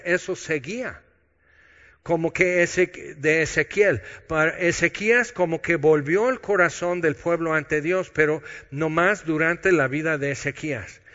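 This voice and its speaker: A man preaching a sermon, swinging between loud emphasis and quiet intimate asides. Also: on the high side. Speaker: pastor. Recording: dull lo-fi audio with long hall reverb.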